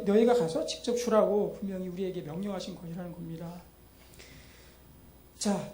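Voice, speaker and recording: A woman junior pastor delivers a Sunday sermon, her voice high-pitched and mellow. She talks to the congregation conversationally, poses questions and answers them, and acts out dialogue along the way. The sound rings through an echoey church hall with a faint hiss underneath. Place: church sanctuary.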